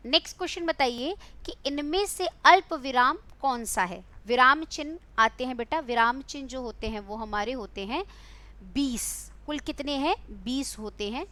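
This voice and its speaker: A woman's voice: sits high, a bit bright. A young adult woman teaching Hindi in an online exam-prep class, quizzing her students, coaxing them and calling them beta.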